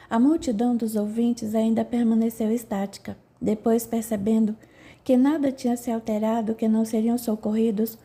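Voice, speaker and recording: A woman narrating a spiritual audiobook in a steady, measured reading. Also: fairly high pitch. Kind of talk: scripted narration.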